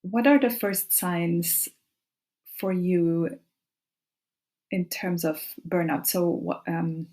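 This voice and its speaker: A woman's voice: on the low side, slow, long pauses, warm tone. Friendly woman podcast host. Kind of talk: casual interview hosting.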